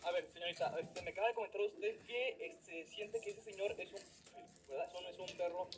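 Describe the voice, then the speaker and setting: A man's voice: sits high, brisk, background noise. A Mexican man hosting a playful vlog about his dogs, putting on a mock-serious interviewer tone. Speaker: vlogger. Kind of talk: playful dog-dating vlog narration.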